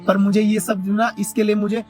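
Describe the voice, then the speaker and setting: एक आदमी द्वारा निभाया घबराया, गिड़गिड़ाता पति. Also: male voice, high voice, flat delivery, moderate pace, darkish tone, faint music behind, natural voice. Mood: pleading. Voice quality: pleading, flustered. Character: harried young husband refusing his wife's sister, pleading. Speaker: vlogger acting in a skit. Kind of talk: scripted family drama skit.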